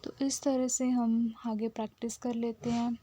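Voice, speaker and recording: Slow, mellow-voiced woman teaching shorthand. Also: a little high, flat delivery. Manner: patient, repeats "theek hai" often, drops to a near whisper while writing. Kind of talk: step-by-step lesson, mixing Hindi and English.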